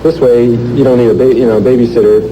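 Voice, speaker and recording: A man's voice: mid-range voice, fairly even intonation, quick pace, warm tone, slight background noise, low-quality recording. A man explaining things casually and in a hands-on way. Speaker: amateur sewer explorer.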